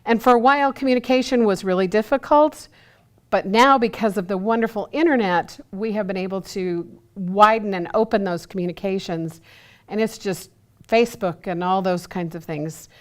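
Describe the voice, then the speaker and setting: A woman's voice: medium pitch, normal speed. Enthusiastic woman guest on local TV. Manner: enthusiastic, lots of fillers. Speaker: committee chair, studio guest. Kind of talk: local TV interview.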